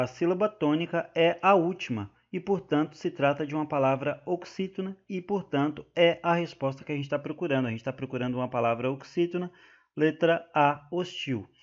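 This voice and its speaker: A man with a Brazilian accent explaining an exam-prep grammar lesson, slowly and patiently, drawing out the example words. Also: mid-range voice, highs cut off. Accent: Brazilian Portuguese. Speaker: teacher.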